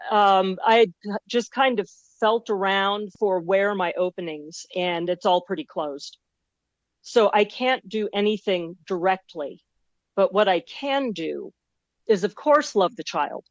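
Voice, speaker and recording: An older woman, a grandmother guest, talking gently and measured about her own family. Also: medium pitch, dry recording, muffled recording. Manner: gentle, measured, many soft "um"s and "mm"s. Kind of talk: calm personal account.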